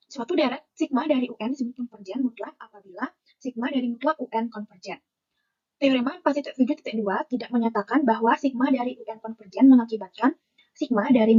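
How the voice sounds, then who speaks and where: A woman's voice: a little high, a little mellow, husky, muffled recording. A young woman, a university student, reads her math lecture notes aloud and works through the formulas one term at a time.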